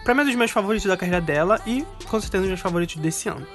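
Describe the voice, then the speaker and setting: A man's voice: high voice, animated, rapid-fire. A young man with a Brazilian Portuguese accent, co-hosting a podcast and chatting casually about music with frequent laughs. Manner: chatty, giggly, rambling. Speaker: podcast co-host.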